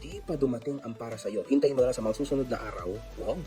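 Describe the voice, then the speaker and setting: A man's voice: medium pitch, fast, over music. A man with a Filipino accent talking in a casual commentary vlog, mixing in English phrases and laughing often. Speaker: vlogger.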